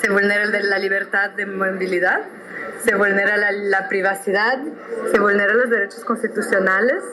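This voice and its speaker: A woman interviewee giving earnest, deliberate testimony, repeating her points. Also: mid-range voice, poor audio.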